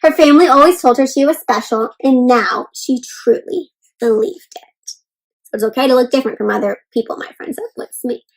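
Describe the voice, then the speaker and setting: A woman reads a storybook aloud to young children, her voice sitting high and moving a little fast on a low-quality recording. She is encouraging and reassuring, often pausing to explain things simply and check in with her young listeners as a children's read-aloud host.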